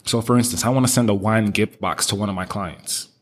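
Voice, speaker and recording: Upbeat low-voiced male podcast host. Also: brisk. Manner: upbeat, motivational, addresses listeners as guys. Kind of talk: casual business podcast talk.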